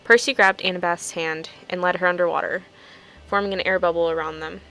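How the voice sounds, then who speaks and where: This woman's voice is fairly low and a bit bright, a little fast, with fairly even intonation. She's a YouTuber reading her own fanfiction, mixing casual storytelling with chatty video talk, informal and quick to poke fun at herself.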